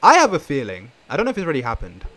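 A man's voice: fairly high pitch, huge pitch swings, racing, a bit bright, low-quality recording. A man chatting casually on a podcast, emphatic and repeating his phrases. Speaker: podcast panelist.

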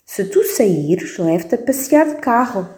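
A woman voicing a doting grandfather in a lower, coaxing voice. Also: big pitch swings, measured pace, darkish tone. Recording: roomy echo.

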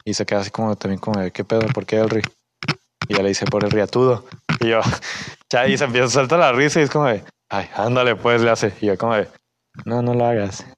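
A man's voice: on the low side, fast talker, a little hiss or hum. A young man with a Mexican accent, casually telling a work story and acting out his coworkers' lines. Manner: animated, acts out coworkers' lines in raised voices; uses Mexican slang.

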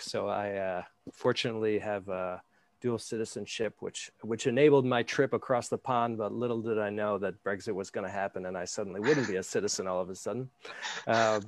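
A man's voice: fairly low pitch, fairly even intonation, normal speed, dry recording. A man, telling casual stories as a guest and hesitating with many fillers. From New York, USA. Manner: rambling, anecdotal, hesitant with fillers. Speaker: amateur baseball pitcher, guest. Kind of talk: casual interview storytelling. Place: flat in Scotland.

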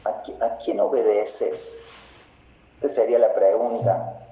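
A man preaching a sermon as pastor, slow and deliberate, repeating phrases for emphasis. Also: lowish voice, dark tone. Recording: roomy, slightly dull recording.

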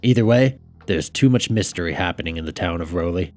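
A man's voice: sits low, expressive, a little fast, a little mellow, faint music behind. A man voicing a practical former butcher who talks plainly and levelly.

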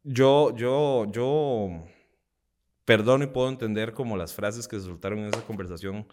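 A man's voice: fairly low pitch, moderate pace. A young Costa Rican man, a comedian, telling personal stories animatedly in an interview, acting out quotes and laughing often. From Costa Rica. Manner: lively, acts out quotes with voices, laughs a lot. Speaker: guest comedian.

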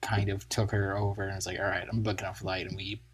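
A man's voice: low-pitched, fast, a crowd in the background. Guy on a podcast rambling through his ideas, says like a lot. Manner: rambling, animated retelling of his thought process, lots of "like". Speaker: podcast co-host and storyteller. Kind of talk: casual chat.

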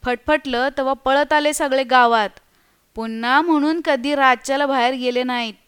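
A woman voicing a frightened village man who tells a ghost tale in hushed, stammering, earthy speech, as part of a storybook reading. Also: high voice, steady tone, moderate pace, smooth. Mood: spooked.

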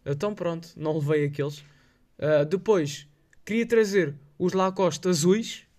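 Casting: young adult male, Lisbon accent, slightly high voice, slangy solo podcaster with a hesitant, meandering delivery. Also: a little slow, a little mellow. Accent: Lisbon Portuguese. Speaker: podcast host. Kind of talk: casual solo chat, telling anecdotes.

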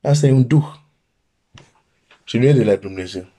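A man from Romania preaching a sermon, reading Bible verses aloud and then commenting on them with animated emphasis. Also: mid-range voice.

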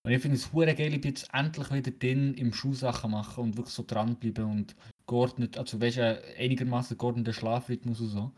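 Speaking at a brisk clip, a teenage boy hosting a podcast sounds medium-pitched, steady and a bit dark, with a Swiss German accent. His fresh braces get in the way of his diction a little, and his casual talk wanders, full of hesitations.

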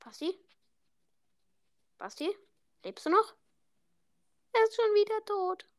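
A young woman co-hosting a casual podcast while gaming, excitable and shrieking at the game. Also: very high voice, slow, dry recording, studio quality. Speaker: podcast co-host.

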